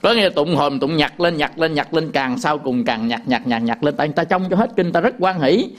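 A man teaching sutra chanting, explaining in quick casual talk and breaking into slow, drawn-out chanted demonstrations. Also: on the high side, animated. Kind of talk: chanting lesson with sung demonstrations.

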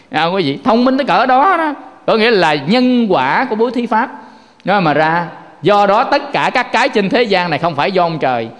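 A man preaches a homely Buddhist sermon. He talks in a chatty way and keeps turning to his listeners. His voice rings out with a long hall reverb. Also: high-pitched. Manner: conversational, keeps addressing listeners directly. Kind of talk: folksy sermon.

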